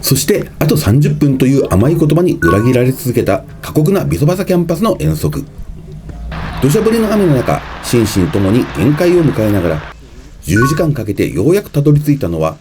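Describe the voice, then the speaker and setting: Male travel narrator, punchy variety-show voiceover, hugely varied pitch, dramatic turns, music playing underneath. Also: sing-song, normal speed. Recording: music behind the voice-over. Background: background music.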